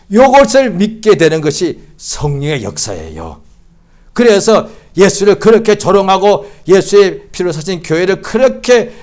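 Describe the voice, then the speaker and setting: A male pastor giving a Christmas sermon in church, swinging from loud outbursts to hushed, quiet speech. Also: sits high. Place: church service.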